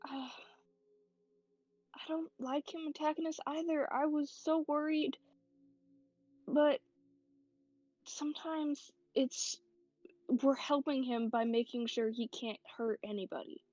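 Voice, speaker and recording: A woman's voice: high-pitched, unhurried, no room sound, lo-fi sound. A woman voicing a blunt but caring young woman who swears, then soothes her frightened friend. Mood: comforting.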